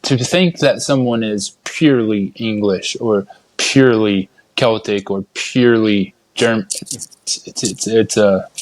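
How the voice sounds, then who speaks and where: A man's voice: fairly low pitch, a little slow, dry recording, rough recording. A man hosting a podcast in a casual, conversational style. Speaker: podcast host. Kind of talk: casual chat.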